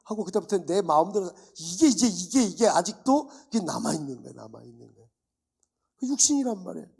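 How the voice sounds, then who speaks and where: A male pastor delivering a sermon in a high, husky voice with plenty of gravel. He keeps throwing rhetorical questions at the congregation in an animated, lively way. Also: quick pace. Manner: animated preaching with rhetorical questions and acted-out dialogues. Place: church.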